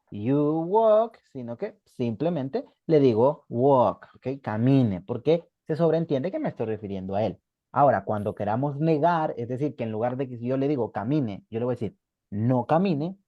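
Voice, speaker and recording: A man's voice: mid-range voice, no room sound, muffled recording. A man teaching a beginner English class online in Spanish, patiently repeating examples and checking in with the students.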